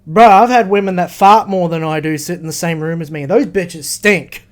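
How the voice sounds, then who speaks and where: A high-pitched, brisk Australian man co-hosts a podcast, exchanging casual banter with his mates. He comes across blunt and emphatic and swears a lot.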